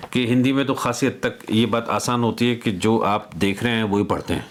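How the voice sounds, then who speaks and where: A man's voice: medium pitch, fairly even intonation. A man hosting a radio programme on poetry, asking conversational questions of his guest. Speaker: radio host. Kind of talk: radio interview.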